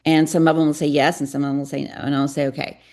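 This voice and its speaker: A woman's voice: sits low, little pitch movement, quick pace, darkish tone. A middle-aged woman guest on a podcast, earnestly telling a personal story and acting out bits of dialogue. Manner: earnest, confessional, acts out dialogue. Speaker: guest, psychotherapist and parenting coach.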